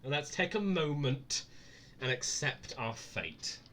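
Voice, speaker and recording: A man's voice: fairly high pitch, animated, slow pace, pushed and bright, slight background noise. A scared, nervous man giving live horror game commentary with dry sarcasm and frequent swearing.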